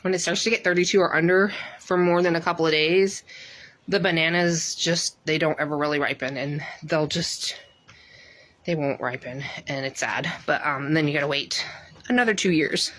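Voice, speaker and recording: Woman vlogger, slightly low voice, slightly breathless, rambles with plenty of ums while she walks her garden. Outdoors, phone mic. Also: normal speed, fairly bright tone. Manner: rambling, many ums, chatty. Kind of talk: casual garden tour chat.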